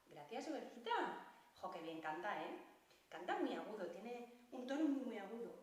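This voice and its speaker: A woman's voice: mid-range voice, normal speed. Playful woman teaching kids music, echoey. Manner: animated, playful, talking to children. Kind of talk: children's music lesson with puppets. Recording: very echoey, distant mic.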